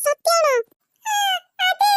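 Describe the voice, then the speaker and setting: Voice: very high-pitched, background noise, exaggerated voice. A performer doing a sulky cartoon girl. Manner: sulky, quick to take offence. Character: young girl, touchy and easily hurt.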